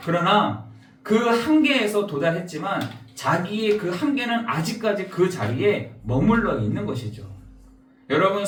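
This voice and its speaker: High, lively-voiced pastor preaching. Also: male voice, roomy sound, distant mic, poor audio. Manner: emphatic, repeats rhetorical questions to the congregation. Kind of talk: sermon. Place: church sanctuary.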